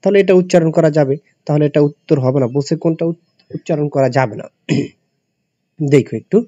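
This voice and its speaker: A Bangladeshi male teacher gives an English spelling lesson for admission students, his voice slightly high and mellow at a normal speed. He goes step by step, spelling out letters and repeatedly asking his students questions, on a dull, dry lo-fi recording with no echo.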